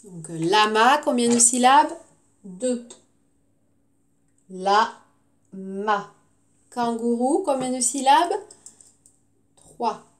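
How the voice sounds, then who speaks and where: Slow, patient teacher woman. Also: on the high side. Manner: slow and patient, stretching out words. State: tired. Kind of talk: classroom lesson for young children.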